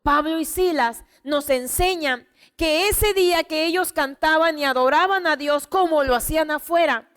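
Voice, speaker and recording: A woman pastor delivers an expressive sermon in a high voice. She retells scripture with dramatic emphasis. Her voice rings with a long reverb from the church hall. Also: moderate pace.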